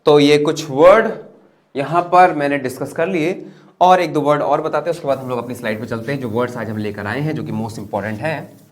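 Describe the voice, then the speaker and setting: At normal speed, a young man with an Indian English accent presents memory tricks for learning words. He bounces between emphatic high-pitched points and hushed low asides.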